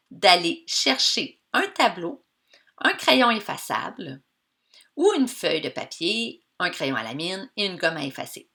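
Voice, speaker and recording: A woman teacher with a Québécois accent giving a reading lesson to children, slowly drawing out the sounds in words and encouraging her pupils. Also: medium pitch, sharp tone. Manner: slow, stretched-out sounds of words for young learners; encouraging, addresses pupils directly.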